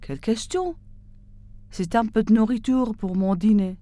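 Woman doing a weepy stingy man in a fairy tale, plaintive and slow, mellow. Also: fairly high pitch, no echo, natural voice. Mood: bitter. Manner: plaintive, tearful delivery. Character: weeping, stingy man grieving his dog.

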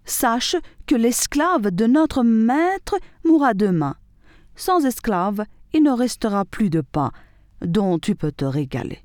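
A woman's voice: on the high side, very animated, takes it slowly, a little mellow, dry recording, studio quality. A woman voicing a boastful male rooster in a storybook tale, speaking in an insistent, indignant way. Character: proud boastful male rooster who foretells deaths.

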